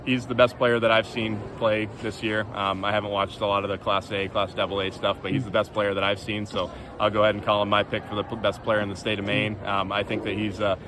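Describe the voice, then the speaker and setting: A man's voice: lowish voice, little pitch movement, fast, few pauses, background noise. A man speaking as a basketball coach in a casual, earnest postgame interview.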